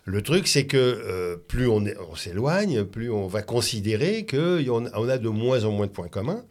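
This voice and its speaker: A man born in France speaks as a radio guest, in a reflective way that often stalls and restarts mid-sentence. His pitch sits in the middle of the range. He keeps building his points with repeated words. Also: very animated. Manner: reflective, halting with many restarts. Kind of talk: conversational radio talk.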